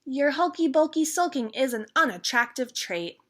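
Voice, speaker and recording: A woman's voice: high voice, big pitch swings, moderate pace, a bit bright, voice pushed up. A woman voicing a blunt, straight-talking octopus in a children's storybook read-aloud.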